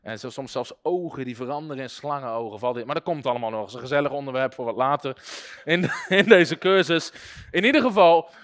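A man teaching a Bible school class to a live audience, telling stories in an animated way and chuckling often. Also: medium pitch, fast.

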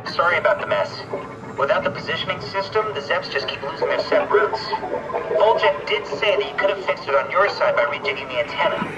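A man's voice: fairly high pitch, lively intonation, brisk. An actor playing an apologetic, friendly male station technician over the radio in a video game, amiable and slightly hesitant. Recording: dull, lo-fi radio log playback.

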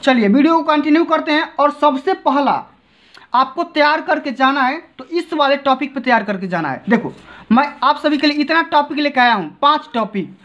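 A high-pitched, fairly bright-toned male exam-prep teacher gives a coaxing tutorial at an indoor desk seen from above, repeatedly using check-in tags with his students. The phone recording sounds dull, muffled and lo-fi.

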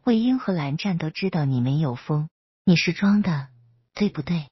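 A cheeky, earnest small boy cultivator from a storybook, prattling on about himself in the third person, as a woman reads him. The voice sits low and husky. It is a dry, dull recording. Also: lively intonation, normal speed, dry recording, exaggerated voice.

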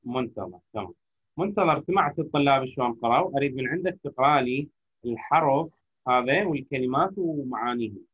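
Husky Iraqi man teaching an online class. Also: medium pitch, animated. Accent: Iraqi Arabic. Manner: patient, repeats phrases slowly to model pronunciation. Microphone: computer or phone mic on a video call. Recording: lo-fi online call audio.

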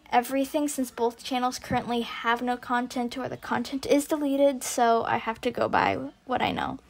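A woman with a raspy voice giving casual, loosely scripted video commentary in a hesitant, rambling, self-correcting way. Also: on the high side. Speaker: video creator and narrator.

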